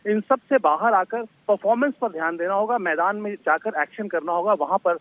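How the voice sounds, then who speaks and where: A man, a sports correspondent, giving live analysis in a measured way with frequent filler pauses. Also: sits high, no echo. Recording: slightly dull line with faint music.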